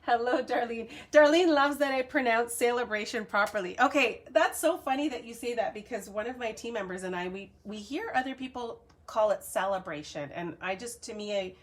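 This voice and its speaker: A woman's voice: fairly high pitch, a little fast, few pauses. An adult woman from Canada, chatting casually through a live cardmaking tutorial, upbeat and reading viewer comments aloud. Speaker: cardmaking demonstrator.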